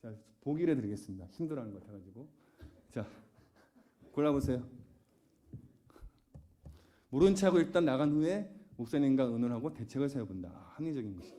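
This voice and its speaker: Man, pastor, church sermon, questions the congregation, warm dark voice, lively pitch. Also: fairly quick, pauses often. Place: church sanctuary.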